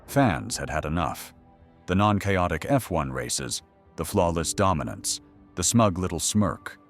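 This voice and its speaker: A man with a deep voice reads scripted documentary narration, giving it a dramatic, teasing edge. He's sing-song and a little slow, his pitch swinging widely through the story over soft background music.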